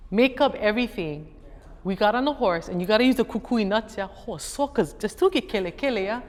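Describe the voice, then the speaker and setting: A middle-aged woman with a Hawaiian accent, an educator and guest speaker, tells an audience a story with animation and acts out other people's voices. Her pitch is medium and her pace a little fast. The hall is echoey, with faint background noise.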